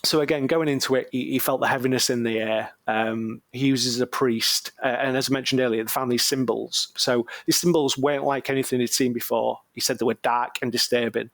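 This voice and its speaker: A man's voice: medium pitch, fairly even intonation, a little fast, few pauses, a bit bright, dry recording. A man co-hosting a podcast and telling a case story in a rambling, slangy, jokey way, full of ums. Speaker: podcast co-host. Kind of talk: casual podcast chat.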